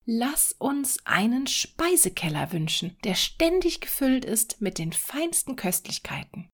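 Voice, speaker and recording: A woman's voice: a little high, a little slow, breathy edge, pitched above the performer's own voice, full character voice. A woman doing an eager, greedy fisherman's wife. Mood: eager, scheming. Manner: raised, eager, excited.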